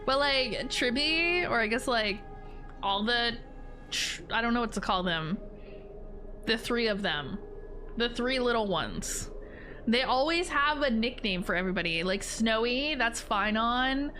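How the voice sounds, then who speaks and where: Casual female game streamer, rambling and jokey, slightly high voice over game music. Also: expressive, measured pace, pushed and bright. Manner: rambling, jokey, informal slang. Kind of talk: casual reaction commentary.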